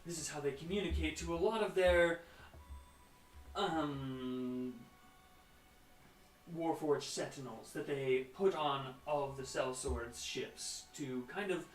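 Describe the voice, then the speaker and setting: A man runs a tabletop game and narrates it, chatty and laughing often. He talks slowly and sits a little high in pitch. His voice echoes in a roomy space, some distance from the mic. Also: slight background noise. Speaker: game master.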